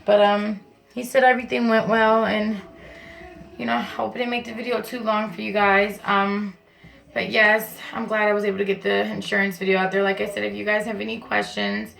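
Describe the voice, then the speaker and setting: Chatty woman vlogger with a creaky voice. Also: mid-range voice, flat delivery, fairly quick, fairly bright tone, low-quality recording. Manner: chatty, informal, explanatory. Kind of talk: casual vlog talk to camera. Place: at home in a bathroom.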